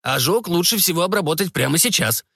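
A man's voice: fairly high pitch, animated, a bit bright, slightly rough, dry recording, clean studio sound, voice pushed up, exaggerated voice. A man voicing a fussy, hesitant male scientist who keeps humming "m" mid-sentence in an audiobook. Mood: lecturing. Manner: halting, hums "m" mid-sentence. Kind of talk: audiobook character voice.

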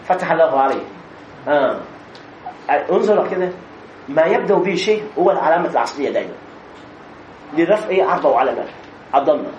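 A high-pitched man teaches grammar, explaining each step patiently and pausing to ask whether students are following. His lively intonation echoes around the room over a faint background hum, and the recording sounds muffled.

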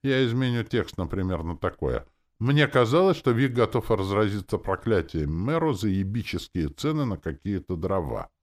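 A man's voice: fairly low pitch, sing-song, normal speed, voice pushed up. A man voicing a bashful young woman journalist who swears a lot, in an audiobook reading. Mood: eager. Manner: timid, then loud and swearing.

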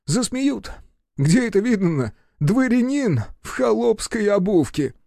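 A man voicing a hot-tempered young nobleman who speaks in a loud, raised and indignant voice. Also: high voice, big pitch swings, measured pace, creaky, no echo, studio quality, pitched above the performer's own voice, heavily acted.

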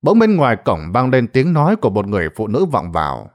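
A man's voice: mid-range voice, wildly swooping pitch, fast. Dramatic male ghost story narrator.

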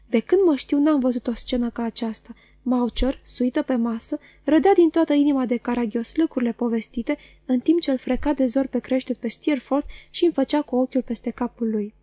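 A woman reading a novel aloud as an audiobook, in measured storytelling. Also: high voice, dark tone, dry recording. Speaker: audiobook reader.

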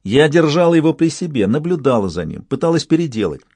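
Scheming old woman elder, shrill and scolding, read by a male narrator. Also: sing-song, quick pace, darkish tone, no room sound.

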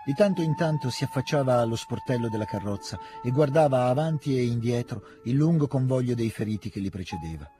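A man narrating a classic novel in a measured, expressive storytelling manner, recorded on a close studio mic. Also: mid-range voice. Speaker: reader of a novel. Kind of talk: literary audiobook narration.

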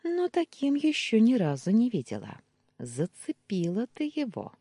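A chatty, conspiratorial young woman friend, expecting a baby, who keeps dropping into a confiding hush, as a woman narrator puts her on. Her voice sounds husky and mellow, with a lively lilt, and it is recorded close and dry, like a studio audiobook. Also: fairly high pitch, measured pace, no echo, pitched above the performer's own voice, heavily acted. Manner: conspiratorial, often whispering. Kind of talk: audiobook character voice.

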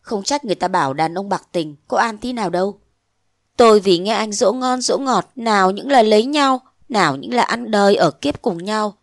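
A woman voicing an eighteen-year-old girl who pleads and reproaches her lover, rising to shrill protest. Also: animated, normal speed, no echo, clean studio sound, natural voice. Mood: reproachful. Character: young woman of eighteen, tearful and indignant.

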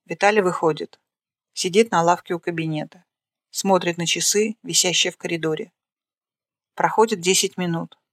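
A narrator reading the stage directions of a screenplay aloud in a plain, flat way. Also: medium pitch, normal speed, no echo, clean studio sound.

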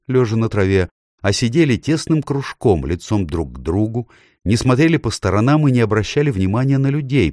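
Male storybook narrator; deep, measured, dry studio read. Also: dark tone, no echo. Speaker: audiobook narrator.

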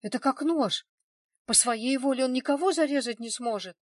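A woman's voice: high-pitched, moderate pace, dry recording, studio quality, pitched above the performer's own voice. A woman voicing a flustered male doctor who insists on defending himself, in an audiobook reading. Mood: defensive.

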